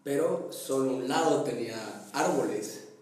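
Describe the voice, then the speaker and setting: A young man with a Guatemalan accent telling a story in casual chat, animated and quick to laugh, acting out his family. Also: mid-range voice, recorded from a distance. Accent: Guatemalan Spanish. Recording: echoey room, voice a bit off-mic, faint ambience.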